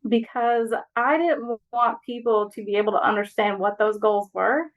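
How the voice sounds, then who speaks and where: A woman's voice: fairly high pitch, steady tone, moderate pace, rough recording. A woman from Alabama, a podcast guest speaking earnestly and encouragingly about her own experience. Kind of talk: reflective personal talk.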